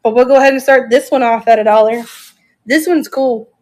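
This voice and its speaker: A woman's voice: a little high, steady tone, a little fast, a little mellow. A woman hosting a casual live-stream auction, chatting enthusiastically and thinking aloud as she shows each item.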